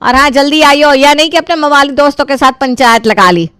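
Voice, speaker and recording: A sharp, high-pitched older mother-in-law barks orders and scolds her household in a cartoon story, as a woman puts her on. The sound is dry and close, with no room around it. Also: fairly quick, dry recording. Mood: bossy scolding.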